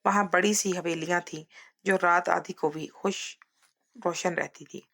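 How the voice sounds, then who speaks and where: A woman narrating a scripted first-person story at a slow, measured pace. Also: lowish voice, steady tone, creaky, fairly bright tone.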